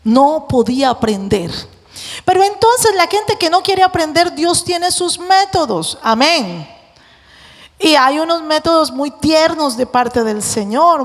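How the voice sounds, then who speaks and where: A woman preacher giving a lively sermon, acting out voices and joking with the congregation. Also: high voice. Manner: animated, acts out voices, jokes with the congregation. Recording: long hall reverb.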